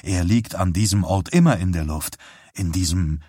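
A man reading an audiobook aloud in a grave, measured manner, close to the mic. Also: deep voice, warm tone, slightly rough, dry recording. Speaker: audiobook reader. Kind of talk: dramatic audiobook narration.

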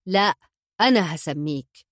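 A woman's voice: fairly low pitch, lively intonation, measured pace, no echo, clean studio sound. A woman voicing a curt, irritable male gang boss with an Egyptian accent in a storybook. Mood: domineering. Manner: curt, bossy, coarse.

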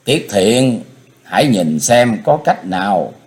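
A man's voice: on the low side, very animated, slow, a little mellow. Fields: a man reading a resigned grieving mother.

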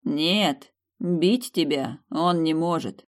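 A woman voicing a wise old female fox shaman who speaks slowly and matter-of-factly in an audiobook. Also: sits low. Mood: calm.

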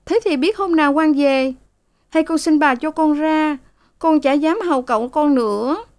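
A woman voicing a frightened young servant girl, pleading in a shrill, tearful voice in a storybook reading. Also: normal speed, close to an everyday voice.

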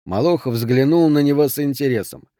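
A man narrating an audiobook in an even, measured way. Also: medium pitch, no echo, clean studio sound.

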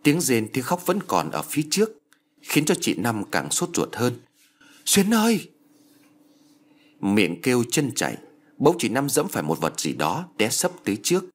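A man narrating a ghost story in a dramatic, expressive reading. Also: mid-range voice, moderate pace. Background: faint background music.

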